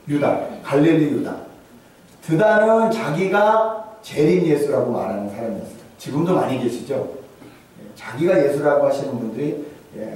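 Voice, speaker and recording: A man preaching a sermon as pastor, lively with humor and rhetorical questions, in a church sanctuary. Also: a little high. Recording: very echoey hall from far off.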